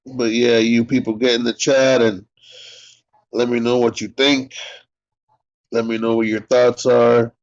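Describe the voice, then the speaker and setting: A man's voice: mid-range voice, level tone, a little slow, long pauses. A man co-hosting a live sports talk stream. He chats casually and jokes sarcastically while he talks to the viewers in the chat. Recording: dull lo-fi stream audio.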